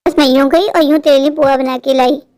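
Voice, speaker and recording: A fussing, affectionate mother bird, voiced by a woman in a cartoon, doting on her son and fearful of loneliness. Her voice is very high. The recording is dry and close. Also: steady tone, fairly quick, a little mellow, dry recording, natural voice. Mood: worried. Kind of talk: cartoon voice acting.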